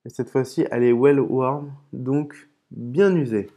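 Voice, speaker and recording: A man hosts a laid-back gaming video, talking the viewer through each case he opens. His voice sits in an ordinary middle register with a warm, mellow tone. He explains things patiently, trails off into fillers, and mutters curses under his breath at his own fumbles. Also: mid-range voice, unhurried. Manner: hesitant, with frequent "euh" and restarts. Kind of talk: casual commentary while opening game cases.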